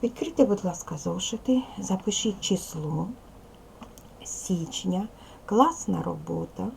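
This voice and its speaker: A woman teacher giving a video lesson to young children, speaking slowly and clearly, asking them questions patiently. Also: lowish voice, expressive, darkish tone, a little hiss or hum, low-quality recording. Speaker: primary school teacher.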